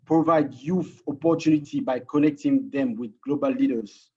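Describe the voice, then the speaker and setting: A man presenting his organization in an online webinar as its coordinator, halting with frequent restarts over a video call. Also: medium pitch, dark tone, husky, muffled recording.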